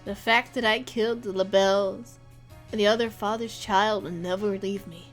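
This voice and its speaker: A woman reading game dialogue aloud, voicing a grave, remorseful male pigeon in a quiet, confessional way. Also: medium pitch, steady tone, normal speed, faint music behind, pitched below the performer's own voice, lightly acted. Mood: somber.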